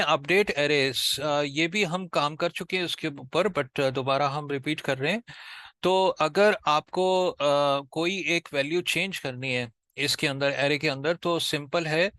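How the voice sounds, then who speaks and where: In a casual step-by-step lesson, an Indian-accented programming tutor repeats himself haltingly and weaves in English technical vocabulary. He sounds a little high and sharp, and the recording is dry.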